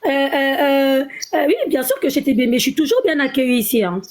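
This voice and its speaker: Insistent high-voiced woman debating. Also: fairly quick, a little mellow. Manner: insistent, repeats her questions. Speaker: debater in a live online debate. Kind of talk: heated live-stream debate.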